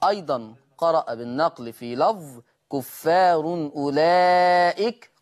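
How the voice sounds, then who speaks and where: A man with an Egyptian Arabic accent who hosts a Quran recitation lesson, opening with slow chanted verse and then explaining recitation rules in brisk talk. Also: fairly high pitch, darkish tone.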